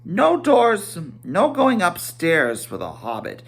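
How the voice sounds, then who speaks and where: An amateur reader performs a children's fantasy novel aloud, theatrical and emphatic, though he stumbles now and then. His voice is high and gravelly, swings hugely in pitch, and moves slowly.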